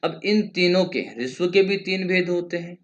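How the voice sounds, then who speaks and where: A male lecturer teaching Sanskrit grammar in a measured, explanatory way, stretching vowels to show their lengths and chanting grammar rules slowly. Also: sits high, dull audio. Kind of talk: exam-prep grammar lesson.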